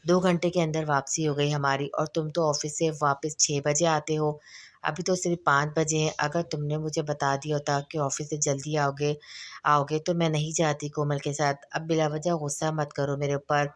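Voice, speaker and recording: A woman's voice: low-pitched, little pitch movement, normal speed, natural voice. A woman reading a novel aloud and voicing a young wife who answers her husband in a plain explaining tone. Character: young wife, defensive but soft.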